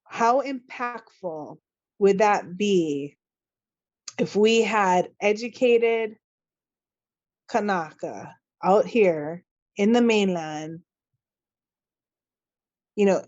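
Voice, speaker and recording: A woman's voice: mid-range voice, animated, darkish tone, no room sound. A woman, a podcast guest speaking earnestly and with feeling, often restarting her sentences. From Hawaii. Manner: earnest and impassioned, with halting restarts. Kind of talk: casual podcast interview. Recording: dull, dry lo-fi sound.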